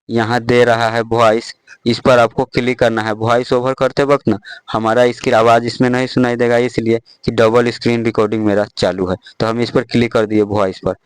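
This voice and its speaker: A man's voice: mid-range voice, little pitch movement, normal speed, smooth, dry recording, rough recording. A young man casually walking viewers through an app, step by step, with lots of "dekhiye" and "thik hai". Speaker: tech tutorial host. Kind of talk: casual screen-recorded app tutorial.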